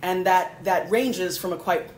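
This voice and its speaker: A woman with a fairly low voice explains biology as a podcast guest, dropping in dry sarcasm between her fillers. The sound carries a roomy echo with faint noise behind. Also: a little slow. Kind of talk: casual explanatory interview.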